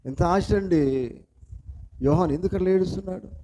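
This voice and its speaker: A man's voice: high voice, normal speed, dark tone, slight background noise. A male pastor preaching a sermon in a repetitive, emphatic cadence, often asking the congregation questions. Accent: Telugu. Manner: asks the congregation repeated questions.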